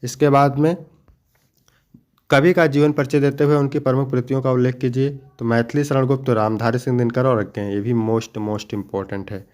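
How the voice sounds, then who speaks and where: A young male teacher patiently walks through exam questions one by one. He explains each answer step by step, slows down to stress the most important points, and speaks to his students with fond familiarity. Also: medium pitch, fairly even intonation, darkish tone. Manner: addresses students fondly. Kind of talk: exam-prep lesson.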